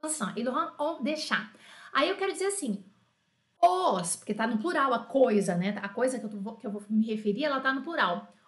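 A woman teaching French in a live online lesson, lively and coaxing, talking straight to her viewers by name. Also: on the high side, brisk, roomy sound.

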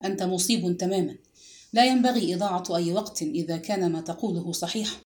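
A woman reading an audiobook and voicing a reserved retired army major, an older man who answers curtly and sharply in a lowered voice. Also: fast, close to an everyday voice. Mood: curt, shaken. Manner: curt, sharp.

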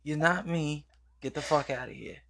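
A man's voice: fairly high pitch, normal speed, vocal fry, a bit bright. A man voicing a rude, foul-mouthed male barn sparrow who swears and waves people off. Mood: scornful. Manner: swearing, dismissive.

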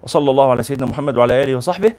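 A man's voice: mid-range voice, rapid-fire, a little mellow. A man teaching as a sheikh, reading a classical religious text aloud and explaining it in colloquial asides. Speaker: sheikh teaching a hadith book.

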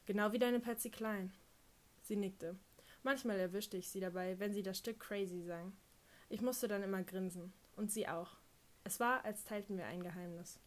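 A woman's voice: medium pitch, moderate pace. Woman narrating a wry first-person audiobook.

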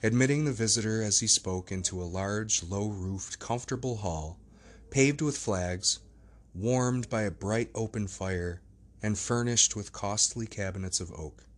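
Low-voiced man narrating an audiobook. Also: a little slow. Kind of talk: audiobook narration of a classic novel.

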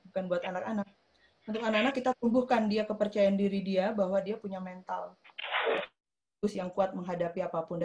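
A woman's voice: medium pitch, a little mellow. A woman leads an informal spoken lesson, recorded as a phone voice message. She is chatty and conversational, tags many phrases with "ya", and acts out small everyday scenes to make her points. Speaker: psychology class speaker.

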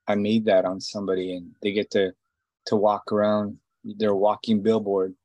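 A man's voice: fairly low pitch, level tone, moderate pace, mellow, dry recording, lo-fi sound. A man in his forties from Israel, a tattoo artist, talking casually in an interview and rambling with many fillers and restarts. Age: 40s.

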